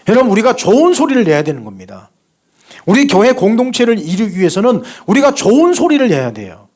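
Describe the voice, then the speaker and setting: A man preaching a sermon as a pastor at a church service, urging the congregation with emphatic, repeated exhortations. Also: high voice.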